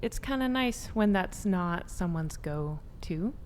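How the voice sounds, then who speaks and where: A woman's voice: lowish voice, animated, slow, slight background noise. A woman from Eastern Europe, a guest on a casual panel chat, talking easily with many fillers. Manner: chatty, laughs easily, lots of fillers.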